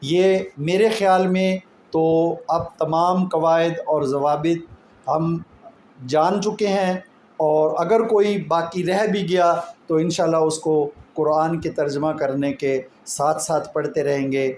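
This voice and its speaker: A man's voice: on the high side, fairly even intonation, takes it slowly, darkish tone. A man with a Pakistani Urdu accent teaching Quranic Arabic script, explaining each point patiently with examples. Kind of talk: slow explanatory lesson. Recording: echoey room with faint ambient noise.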